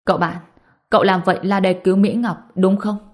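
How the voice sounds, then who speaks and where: A woman voicing a calm, powerful older man in an audiobook, measured and regretful. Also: medium pitch, natural voice. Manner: sighing, measured.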